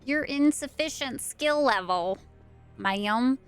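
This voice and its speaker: A young woman streamer with a smooth, fairly high voice talks casually and playfully as she plays. Faint game music sits behind her. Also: expressive, slow. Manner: chatty, playful, swears casually. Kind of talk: casual live-stream chat and game reactions.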